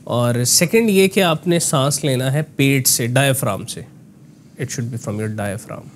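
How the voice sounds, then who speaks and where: A man coaching voice work in a relaxed, explanatory conversation, often slipping English phrases into his talk. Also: medium pitch, slow pace, slight background noise. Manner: explanatory, mixes in English phrases, frequent "ना" tags. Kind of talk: conversational voice lesson.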